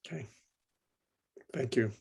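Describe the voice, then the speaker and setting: A man's voice: slow pace, darkish tone, no echo. A man commissioner asking brief, plain questions at a public meeting.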